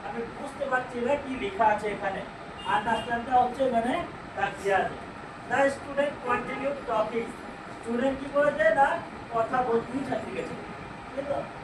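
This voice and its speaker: A man with a Bengali accent teaching an English grammar lesson. He asks the class questions, answers them himself, and reads English sentences out slowly. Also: very high-pitched. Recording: echoey room, far from mic, noisy.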